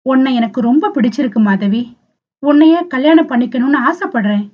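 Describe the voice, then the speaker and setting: A woman's voice: high-pitched, fairly quick, dull audio. A woman reading the lines of a young man in love who pleads earnestly and tearfully.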